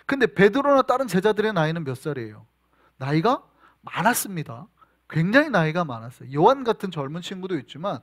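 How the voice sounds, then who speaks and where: Guy pastor preaching in church, fairly high voice, swings all over in pitch, acts out the quotes. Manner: animated storytelling, acts out quoted lines loudly. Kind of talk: sermon. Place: church sanctuary.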